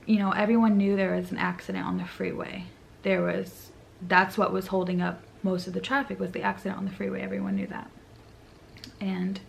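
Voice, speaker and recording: A young woman tells a painful story straight to camera, her voice raspy with vocal fry. She is crying, and her voice breaks and climbs as the memory overwhelms her. A faint hiss sits under the recording. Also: medium pitch. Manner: tearful, voice breaking and rising in distress. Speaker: vlogger. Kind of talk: emotional personal storytelling.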